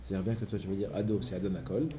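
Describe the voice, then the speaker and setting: A man's voice: deep voice, steady tone, very fast, noisy background. A man teaching a Torah study lesson, explaining step by step and mixing in many Hebrew terms.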